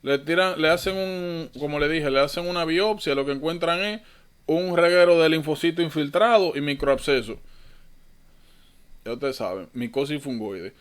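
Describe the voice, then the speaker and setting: A man's voice: on the high side, normal speed, smooth. A man tutoring medical students in an online lecture, informal and thinking aloud, often correcting himself.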